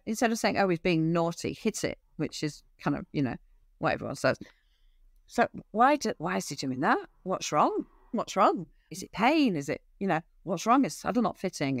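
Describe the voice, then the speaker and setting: A middle-aged woman, an equine behaviour expert, talking casually in an interview, animated and acting out little dialogues with frequent restarts. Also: mid-range voice, dry recording. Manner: animated, acts out quoted dialogue, many restarts.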